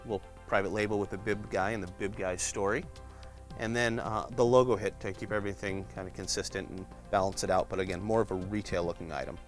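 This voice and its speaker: A man's voice: fairly low pitch, a little fast, soft background music. A man giving a casual tour of a print shop's department, explaining products with frequent fillers. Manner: relaxed, frequent "uh" fillers, explains while flipping through shirts. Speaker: print shop department guide. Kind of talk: casual walkthrough showing products.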